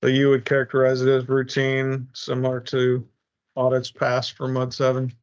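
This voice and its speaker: A man chairing a public board meeting, speaking procedurally and haltingly as he works through formal business. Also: medium pitch, monotone, clean tone. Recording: muffled, band-limited meeting recording.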